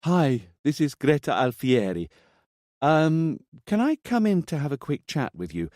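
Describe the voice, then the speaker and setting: A man's voice: a little high, big pitch swings, unhurried, a little mellow, dry recording, voice pushed up. Man voicing a sarcastic female TV reporter. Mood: polite. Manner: dry, sarcastic. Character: sharp young female TV journalist, sarcastic.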